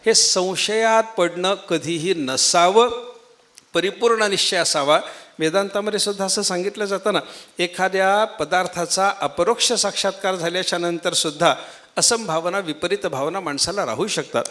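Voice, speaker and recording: A man's voice: sits high, moderate pace, fairly bright tone. An older man giving a devotional discourse in a hall, explaining patiently and putting questions to his listeners. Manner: explanatory, repeats questions to the audience, playful imitations. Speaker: spiritual lecturer. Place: lecture hall.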